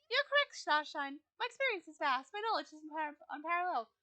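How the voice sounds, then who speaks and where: Woman doing ancient cosmic blue spirit, solemn, measured, high bright voice. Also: very animated, exaggerated voice.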